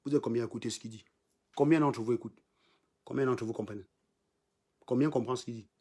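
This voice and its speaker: A man's voice: medium pitch, fairly even intonation, fast talker, mellow, slightly rough. A man with a Cameroonian French accent hosting a livestream, mocking and insulting his commenters in a combative rant, repeating lines for emphasis. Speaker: livestream host. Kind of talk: insulting live-stream rant.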